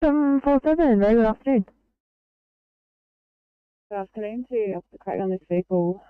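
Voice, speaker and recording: A woman talks over a police radio channel in brisk, formal call-ins. The sound is thin and narrow like a handheld transceiver, with a dry, close feel and a crisp, clean voice. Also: on the high side, expressive, dry recording. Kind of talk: radio dispatch talk.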